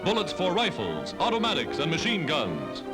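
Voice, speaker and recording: His pitch swoops wildly in a voice on the high side as he narrates a 1940s wartime newsreel at normal speed, declaiming with emphasis. Loud music runs through the old newsreel soundtrack beneath his narration.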